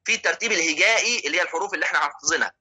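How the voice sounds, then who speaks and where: A man with an Egyptian accent teaches a religious lesson, breaking each point down and firing rhetorical questions at his listeners. His voice is tense and bright with a husky edge, and he sits a little above the usual male pitch. He talks at a racing clip. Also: rapid-fire, poor audio. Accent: Egyptian Arabic. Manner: explanatory, poses rhetorical questions and checks in with listeners. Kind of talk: religious lesson explaining hadith.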